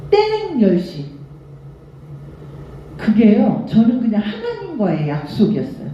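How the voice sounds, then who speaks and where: An older woman pastor giving a revival sermon, telling stories with lively, acted-out quoted voices. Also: a little high, unhurried, heavy reverb, highs cut off, slight background noise. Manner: animated storytelling, acts out quoted voices. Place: church sanctuary.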